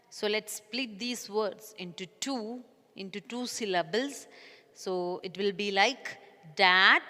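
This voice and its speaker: A woman, teaching young children a recorded lesson and slowly sounding out words syllable by syllable. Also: mid-range voice, pushed and bright, in a large hall. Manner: slow, deliberate, spelling out syllables and calling listeners "dears". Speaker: primary school English teacher.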